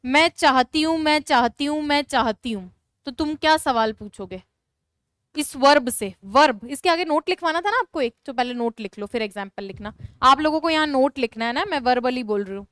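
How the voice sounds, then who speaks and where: A woman's voice: high voice, lively intonation, normal speed, fairly bright tone, clear, resonant tone, no room sound, studio quality. A woman teaching English grammar to a class, dictating notes and repeating key phrases emphatically. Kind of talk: classroom lesson explaining grammar.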